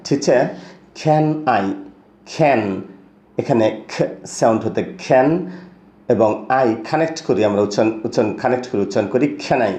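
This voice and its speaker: A man with a Bengali accent gives an English pronunciation lesson, stretching out each model phrase slowly and patiently. His voice is dark and mellow. It rings in an echoey room. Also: mid-range voice. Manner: slow, drawn-out model reading of English lines, quick explanations in between. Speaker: English teacher.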